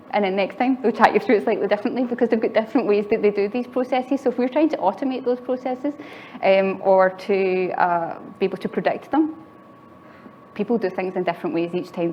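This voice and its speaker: A woman's voice: mid-range voice, fast talker, darkish tone. A woman giving a conference tech talk in a chatty way, often laughing lightly between phrases. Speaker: conference speaker. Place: conference venue with live audience. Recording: slightly muffled recording with faint background noise.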